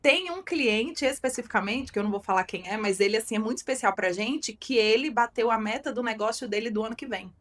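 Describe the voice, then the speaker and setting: A woman speaks as a guest in a casual interview. Her voice is fairly high, and she talks with emphasis and enthusiasm. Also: animated, fast talker, hardly any pauses, fairly bright tone. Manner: emphatic, enthusiastic about results. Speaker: guest, marketing consultant.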